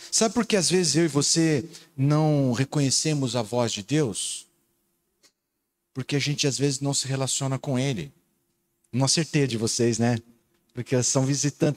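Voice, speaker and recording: Animated, playful Brazilian pastor, middle-aged man. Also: a little high. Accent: Brazilian Portuguese. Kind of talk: lively sermon with audience game.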